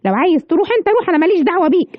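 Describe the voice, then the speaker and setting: A woman with an Egyptian accent voicing a cowardly, grumpy male police officer in a children's cartoon story, gruff and dismissive. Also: very high-pitched, very fast, no echo, muffled recording. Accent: Egyptian Arabic. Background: music.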